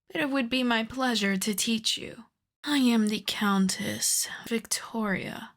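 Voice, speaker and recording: A woman playing an ancient aristocratic vampire countess in an ASMR roleplay, soft and breathy with whispers, speaking in a refined, coy, teasing way. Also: mid-range voice, close to an everyday voice. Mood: seductive, refined. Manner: refined, coy, formal old-fashioned phrasing. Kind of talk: ASMR roleplay, slow intimate scripted monologue.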